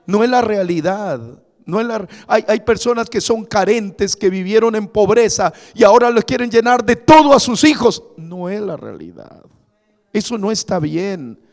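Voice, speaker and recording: A man preaching a sermon as pastor, telling stories softly and then building to loud preaching. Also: high-pitched. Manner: storytelling, quietly quoting others, then rising to loud preaching. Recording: long reverb of a church hall.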